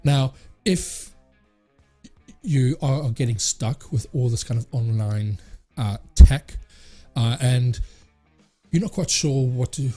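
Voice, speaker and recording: A man's voice: medium pitch, mellow. A man hosting a tech channel, talking casually to camera and rambling with many fillers and restarts.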